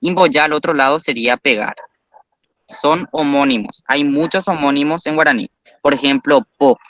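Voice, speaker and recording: Male teacher, higher pitch, bright clear tone, patient step-by-step explainer. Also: moderate pace, no echo. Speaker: Guarani language teacher.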